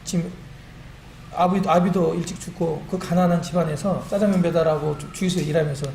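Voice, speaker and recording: A middle-aged man giving a church testimony, animated and self-deprecating, recorded in a church meeting hall. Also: on the high side, a little fast, gravelly. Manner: animated and self-deprecating, quotes his own prayers. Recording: echoey hall with faint room noise.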